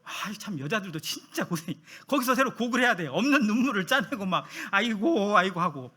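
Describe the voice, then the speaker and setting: A man delivers a sermon in a high, bright voice that rises and falls dramatically, with a breathy edge. He's very animated and talks fast, repeatedly questioning his listeners and acting out the people he quotes.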